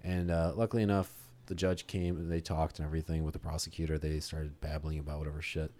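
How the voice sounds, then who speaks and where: Deep-voiced young man telling a story. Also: fast talker. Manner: animated, swears freely, acts out voices in quotes. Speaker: podcast co-host telling a story. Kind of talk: casual storytelling chat.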